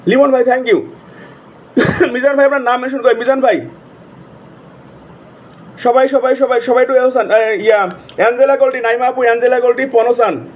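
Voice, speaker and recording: Man live-streaming, very high husky voice, rattling off names. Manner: repetitive, rapid name calling. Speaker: livestream host. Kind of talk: casual live-stream shout-outs.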